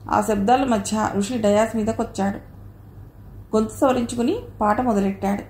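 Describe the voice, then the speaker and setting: A woman narrating an audio novel in a steady storytelling way. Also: on the high side, normal speed. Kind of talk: scripted narration. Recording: roomy echo, faint noise.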